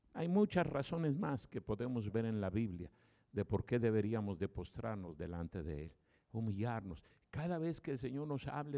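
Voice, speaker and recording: A male pastor preaching an impassioned sermon, swinging from loud appeals to hushed prayer as he leads an altar call. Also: mid-range voice, gravelly.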